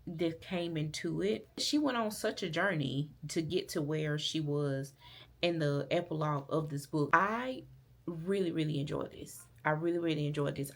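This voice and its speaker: A woman's voice: low voice, vocal fry. A woman from Alabama with a Southern accent, chatting casually and rambling about books in her vlog. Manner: chatty, rambling, with fillers and restarts. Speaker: book vlogger. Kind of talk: casual chat.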